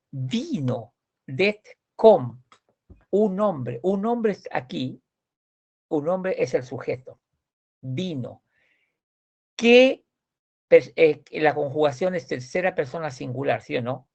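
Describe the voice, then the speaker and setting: A man's voice: fairly high pitch, lively intonation, slow, pauses often, darkish tone. A man teaching a language grammar class, explaining patiently and often asking students if they follow. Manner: patient, repeats words, asks checking questions. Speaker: Swedish teacher.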